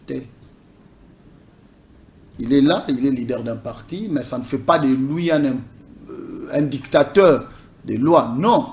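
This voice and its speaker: In a political interview, a male party communication officer from DR Congo's Congo Central code-switches and presses his points with repetitive lists. He speaks slowly and animatedly at a medium pitch, with long pauses, a darkish tone and a faint hiss or hum in the recording.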